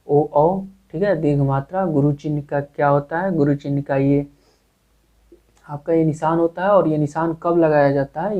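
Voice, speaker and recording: A male teacher giving a grammar lesson, asking questions and answering them himself with many repetitions. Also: on the high side. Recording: tinny phone-like recording.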